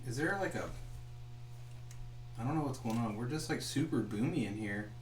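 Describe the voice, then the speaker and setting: Low-voiced woman in a booming echoey room. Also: lively intonation, normal speed. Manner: laid-back, rambling, trailing off. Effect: booming roomy echo, as in a big hall. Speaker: stream co-host. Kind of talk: casual chat during a live pinball stream. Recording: echoey boomy room, distant mic, loud music.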